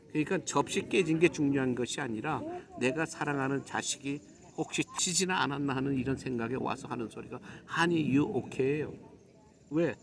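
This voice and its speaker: A man's voice: a little high, gravelly. Earnest middle-aged Korean man lecturing. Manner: earnest, preachy, admonishing, with emphatic pauses. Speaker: YouTube commentator. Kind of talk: monologue lecture to viewers.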